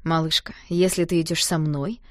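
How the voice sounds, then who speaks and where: A woman's voice: sits low, fairly even intonation, normal speed, dry recording, studio quality, lightly acted. A woman reading the part of an arrogant, mocking young man in a storybook. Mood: smug. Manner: mocking, condescending.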